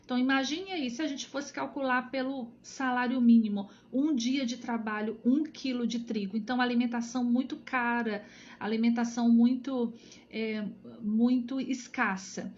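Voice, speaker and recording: High-pitched woman leading a live bible study, chatty, keeps checking in with viewers, muffled lo-fi sound. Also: fairly even intonation, moderate pace, darkish tone. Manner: conversational, checks in with viewers often. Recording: dull lo-fi sound.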